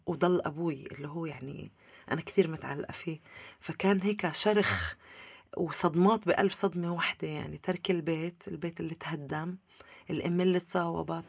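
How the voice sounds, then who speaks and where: A woman with a Palestinian Levantine Arabic accent tells personal stories in an interview. She talks quickly, with a creaky edge to her voice. The sound is close and dry, with very little room. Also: lowish voice, no echo. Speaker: interview guest. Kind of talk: personal storytelling in a conversational interview.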